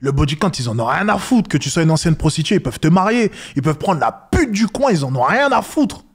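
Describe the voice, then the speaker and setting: Man, fairly high voice, scornful reaction commentator, lecturing tone, mocks freely. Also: very animated, fairly quick, breathy edge.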